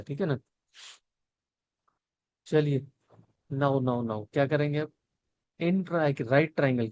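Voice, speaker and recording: A man's voice: fairly high pitch, darkish tone, no room sound. A young man teaching a maths lesson, talking through each step and asking his students questions as he works. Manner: explains step by step, asks the students questions and answers them; mixes Hindi and English.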